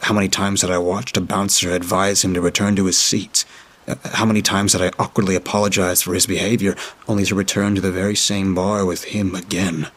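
A man reading a horror story aloud in a dry, steady storytelling manner. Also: deep voice, brisk. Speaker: narrator.

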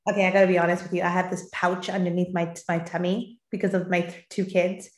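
A woman's voice: on the low side, flat delivery, fast, darkish tone. Encouraging female host in an echoey room. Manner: encouraging, addresses listeners as fellow moms. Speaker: show host. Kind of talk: motivational interview hosting. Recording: roomy, echoing sound.

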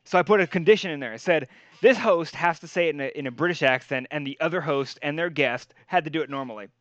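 A man's voice: a little high, quick pace, fairly bright tone, no room sound, highs cut off. A man hosting a podcast in casual chat, rambling, laughing and swearing casually. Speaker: podcast host.

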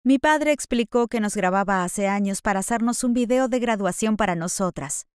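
Clear-voiced woman narrating a dramatic story. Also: medium pitch, normal speed, dry recording, clean studio sound. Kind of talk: scripted first-person story narration.

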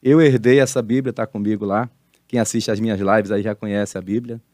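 A Brazilian pastor and retired marine in his sixties, telling his life story with preacherly emphasis in a relaxed interview. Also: on the low side, fairly quick. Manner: animated testimony, preacherly emphasis.

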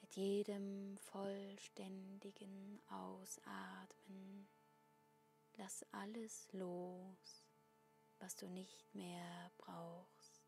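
Very slow, soft half-whispering woman guiding meditation. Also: mid-range voice, monotone, faint music behind. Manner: soft, breathy, half-whispered, soothing spa-like delivery. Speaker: breathing meditation guide. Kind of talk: guided meditation, slow instructions with long pauses.

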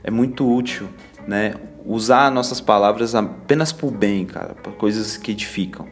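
A man's voice: fairly low pitch, moderate pace, faint music behind. Laid-back young Brazilian man, slangy chat. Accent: Brazilian Portuguese. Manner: chatty, laid-back, heavy on slang fillers. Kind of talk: casual devotional reflection.

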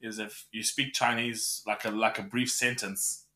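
A man co-hosting a podcast, telling stories in casual chat, animated and stumbling over his words. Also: on the low side, unhurried. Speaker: podcast co-host.

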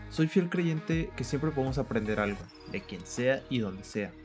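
This medium-pitched man talks at a moderate pace in an echoey room. He's a Sinaloa native in his twenties with a Mexican Spanish accent, hosting a casual podcast in a relaxed, chatty way with many fillers like "pues." Faint music and some outside noise sit in the background.

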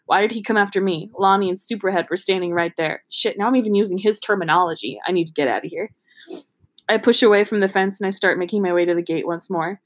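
She talks fast at a medium pitch while reading a novel aloud as a podcast host. The reading is loose and amateur, full of giggles and asides where she jokes and comments.

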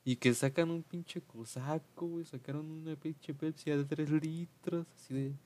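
A man's voice: fairly high pitch, steady tone, measured pace, a little mellow. Young Mexican man, podcast host, casual storyteller who does voices for quotes. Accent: Mexican Spanish. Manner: slangy, laughing, acts out quotes in raised voices.

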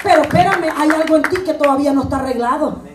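A woman preaching a lively sermon in Spanish, acting out voices and laughing, to a congregation in church. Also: high-pitched, fast talker, heavy background noise. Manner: animated, acts out dialogue, laughs often. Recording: echoey church from far off with crowd.

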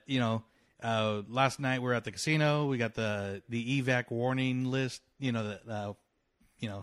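A man's voice: medium pitch, no room sound. A man co-hosting a casual podcast, talking in an easygoing, rambling way. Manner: easygoing, rambling shout-outs. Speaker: podcast co-host. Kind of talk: casual chat.

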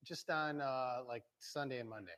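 Man, medium pitch, deadpan, understated, casual off-hand remarks. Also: normal speed. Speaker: cameraman chiming in. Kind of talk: casual chat.

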